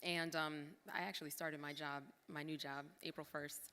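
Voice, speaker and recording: A woman's voice: low-pitched, level tone, moderate pace, pushed and bright, clear, resonant tone. A woman giving a heartfelt, emotional thank-you speech at a formal gala, with casual asides to the crowd. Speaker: former cultural center director giving a thank-you speech. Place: large hall at a formal gala. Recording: long hall reverb.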